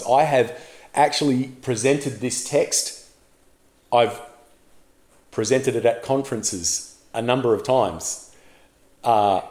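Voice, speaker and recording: A man preaching a sermon as a pastor, telling the story in a lively way and putting questions to the congregation. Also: mid-range voice, reverberant.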